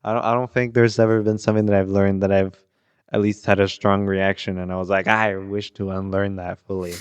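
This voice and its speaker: Smooth-voiced young man, offhand podcast banter. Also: low-pitched, flat delivery, a little fast, dry recording. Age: young adult. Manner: offhand, hesitant, joking. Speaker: podcast co-host. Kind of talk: casual chat.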